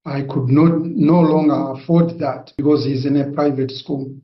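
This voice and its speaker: A man from Zimbabwe giving a personal testimony, slow and hesitant, with many pauses and fillers. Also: medium pitch, steady tone. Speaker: testimony giver. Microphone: video call. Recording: echoey, dull lo-fi sound.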